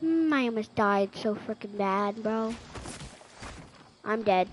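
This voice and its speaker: A woman streaming an online shooter, chatting casually and shrieking with excitement during fights. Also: medium pitch, slow. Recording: noisy home stream audio.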